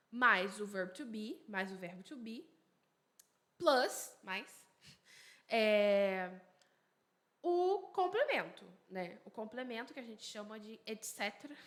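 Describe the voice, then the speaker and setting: A woman, an English teacher, giving a grammar lesson in both languages. She explains step by step, repeats examples slowly and answers questions she asks herself aloud. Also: mid-range voice, fairly bright tone.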